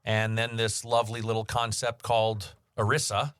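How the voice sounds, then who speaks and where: A man's voice: on the low side, flat delivery, moderate pace, a bit bright, clear, resonant tone, no room sound, studio quality. A man co-hosting a financial podcast, talking candidly in casual chat with jokey asides. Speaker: podcast co-host.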